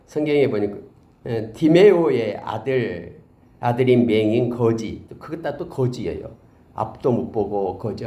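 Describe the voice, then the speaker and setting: Animated man preaching a sermon. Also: medium pitch. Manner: addresses listeners often, builds to loud emphatic peaks. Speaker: pastor. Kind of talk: expository Bible teaching sermon.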